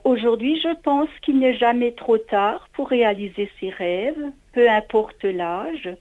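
A woman speaking as a guest over a low-quality phone line into a radio show, hesitant and trailing off with filler words. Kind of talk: casual phone interview. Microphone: telephone. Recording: muffled lo-fi phone audio.

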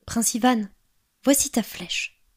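Storybook frog princess: small, gentle, soft-spoken, read by a woman. Slightly raised pitch. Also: takes it slowly, slightly rough. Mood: coaxing. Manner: soft and tender.

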